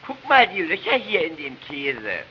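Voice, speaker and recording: A man's voice: huge pitch swings, unhurried. A man voicing a whiny, curious little boy who keeps pestering at the dinner table. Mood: whining. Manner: whining, pestering, shrill. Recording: dull noisy old record.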